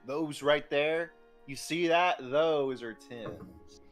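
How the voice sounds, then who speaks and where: A man playing a tabletop game, pitching ideas in a salesy, persuasive way. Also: extremely slow, faint music behind, low-quality recording. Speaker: player. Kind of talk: casual game chat and in-character pitching.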